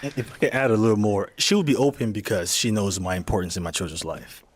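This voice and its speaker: A man, a dating show contestant speaking in a formal, measured, polite way. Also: fairly low pitch, husky. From Liberia. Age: 30s. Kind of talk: casual chat.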